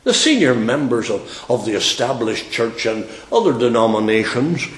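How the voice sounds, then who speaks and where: A man's voice: mid-range voice, big pitch swings, normal speed, fairly bright tone, roomy sound, rough recording. A man preaching a sermon, emphatic and fiery, whose voice rises in sudden outbursts.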